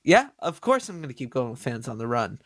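A man hosting a podcast, chatting casually with a nasal voice and excitable, stumbling delivery. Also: mid-range voice, a little fast, no echo, studio quality. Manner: excitable, stumbling over words. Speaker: podcast host.

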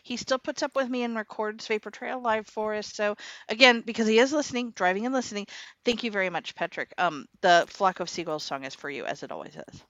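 A woman's voice: mid-range voice, fairly bright tone, no room sound, muffled recording. A woman in her forties co-hosting a casual radio show, bubbly and emphatic. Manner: bubbly, quick to laugh, emphatic. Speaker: radio co-host.

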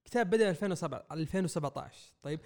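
A young man, rambling excitedly through a comic review on a podcast mic. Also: fairly high pitch, racing, vocal fry. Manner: excitable, rambling, acts out quotes. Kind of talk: casual podcast review chat. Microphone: podcast microphone.

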